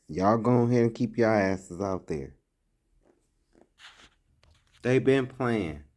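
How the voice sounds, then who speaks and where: A man's voice: medium pitch, darkish tone. A man giving blunt, emphatic commentary in a vlog, reading old scripture passages and then explaining them in plain talk.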